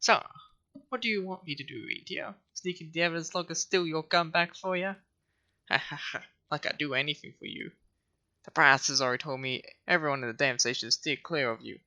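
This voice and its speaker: A man voicing a smug, snobby rival police officer who taunts and sneers, pitched higher and louder than his own talk. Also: brisk. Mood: sneering.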